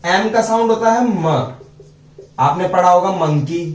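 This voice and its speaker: A man teaching phonics, slowly drilling letter sounds and quizzing his students. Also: high-pitched, darkish tone. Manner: slow, repeats sounds and asks students questions. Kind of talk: phonics lesson. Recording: echoey room, voice from a distance.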